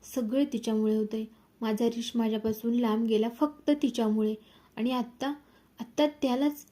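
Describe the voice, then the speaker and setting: A woman's voice: fairly high pitch, steady tone, moderate pace, mellow, natural voice. A woman voicing a possessive, jealous young woman in a recap of a serial. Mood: spiteful. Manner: sweet-talking, then bitter.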